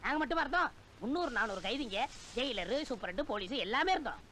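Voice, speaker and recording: A man's voice: extremely high pitch, sing-song, fast talker, bright, forceful tone, a little hiss or hum, heavily acted. An actor playing a bossy, scheming comic servant who bullies his sidekick in a film comedy.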